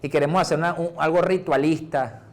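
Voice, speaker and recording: A middle-aged Venezuelan man preaching a sermon as pastor, conversational, dropping softer to act out prayers. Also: a little high, steady tone, a little fast. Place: church.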